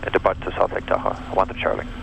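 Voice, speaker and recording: A man's voice: fast talker, muffled recording, noisy background. A male pilot who grew up speaking Russian, giving clipped radio calls and checklist callouts through a cockpit headset intercom. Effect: pilot speaking over cockpit headset intercom. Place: small plane cockpit. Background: background music.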